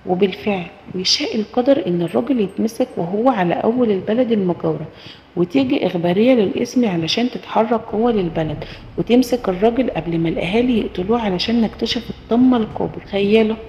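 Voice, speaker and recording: Fast-talking Egyptian woman telling horror stories. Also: mid-range voice, dark tone, a little hiss or hum. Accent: Egyptian Arabic. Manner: fast, intense, emotional storytelling. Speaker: storyteller. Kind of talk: dramatic first-person horror narration. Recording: roomy reverb, dull and muffled.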